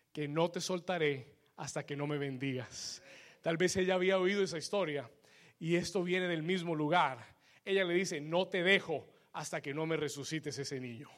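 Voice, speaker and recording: Fervent high-voiced male preacher. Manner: fervent preaching that swells to shouts, calling for amens. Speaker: pastor. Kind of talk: sermon.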